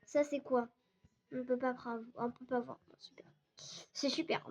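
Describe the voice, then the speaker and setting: A young woman with a sore, hoarse throat, rambling excitedly in casual game commentary for her channel. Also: high voice, a little slow. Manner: rambling, excitable, many restarts and fillers. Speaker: gaming channel host. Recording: dull lo-fi recording.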